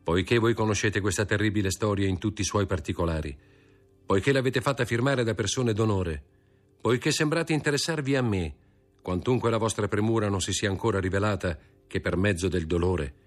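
A man's voice: fairly low pitch, lively intonation, brisk, soft background music. A man voicing a desperate young nobleman who pleads and begs in an impassioned voice, in an audiobook reading of a novel. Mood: pleading.

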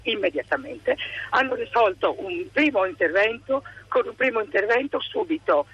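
A woman with a raspy, husky voice, giving an earnest account as a caller on a radio phone-in. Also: medium pitch. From Vicenza, Italy. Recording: dull telephone line on radio.

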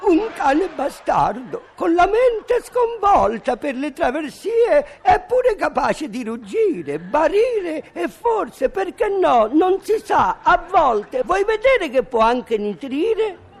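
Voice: high voice, sing-song, slow pace, full character voice. A comic actor playing a cheeky young boy protester who speechifies with mock earnestness. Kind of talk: TV sketch comedy acting.

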